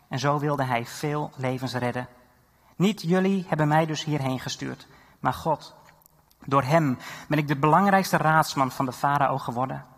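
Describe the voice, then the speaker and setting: A man preaching a sermon and retelling a Bible story, animated, with loud exhortation and quiet reading. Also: fairly high pitch. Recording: long hall reverb.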